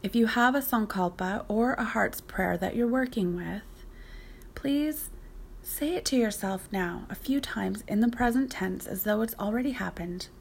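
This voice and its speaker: Slight background noise sits under this recording of a woman teaching yoga nidra. Her medium-pitched voice is gravelly yet soft and breathy, frequently near a whisper, and she guides the meditation calmly, slowly and with gentle instruction.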